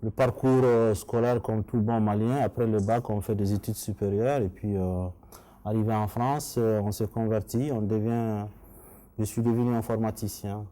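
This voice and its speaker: A middle-aged Malian man with a Malian accent answers interview questions as an election candidate, earnest and formal. His voice is fairly low and warm, steady in tone, at a normal speed.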